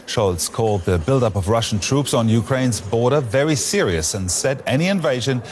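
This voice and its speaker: A man's voice: medium pitch, lively intonation, normal speed, darkish tone, slight background noise. Man anchoring a news bulletin. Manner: crisp scripted delivery. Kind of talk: news presenting.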